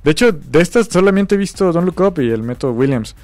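A man's voice: fairly high pitch, lively intonation, fast talker, darkish tone, no room sound, soft background music. Rambling man chatting about film. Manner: rambling, hesitant, many fillers. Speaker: podcast co-host. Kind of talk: casual chat about film awards.

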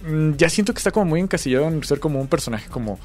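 A man's voice: fairly high pitch, animated, racing, a little mellow, soft background music. A man, talking in a rambling, hesitant way, full of fillers, as co-host of a casual chat about film awards. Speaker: podcast co-host.

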